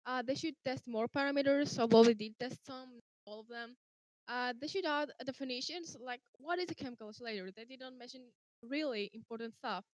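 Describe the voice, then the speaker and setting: Young woman from Greece, methodical critic on a video call, fairly high voice, dry sound. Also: brisk, no echo. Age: young adult. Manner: structured, methodical listing of points. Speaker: opponent in a student science tournament.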